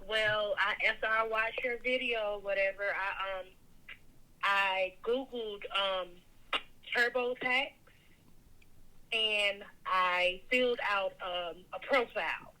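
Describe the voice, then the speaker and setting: A woman talking over a phone on speakerphone in a casual conversation, hesitant and pausing often with "um"s. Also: medium pitch, bright, forceful tone, rough recording. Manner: hesitant, with frequent pauses and "um"s. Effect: heard over a phone on speakerphone. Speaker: interviewee on a phone call.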